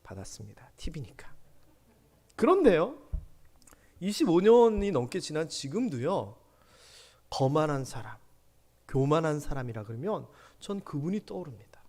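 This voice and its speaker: A pastor in his forties preaches in a church sanctuary, his fairly high, darkish voice very animated at a moderate pace with long pauses. He tells stories, poses questions to the congregation, and drops into whispered asides.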